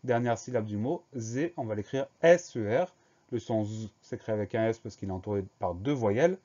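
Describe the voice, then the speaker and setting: A man's voice: fairly low pitch, normal speed, mellow, highs cut off. A man teaching a spelling dictation lesson, patiently spelling each word out letter by letter.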